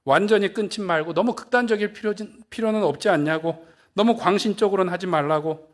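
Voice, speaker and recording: A man's voice: high-pitched, fairly quick, pitched above the performer's own voice, natural voice. A man preaching a sermon, playing a coaxing tempter spirit in a sermon retelling. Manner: coaxing, wheedling persuasion. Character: sweet-talking tempter spirit, coaxing and soft.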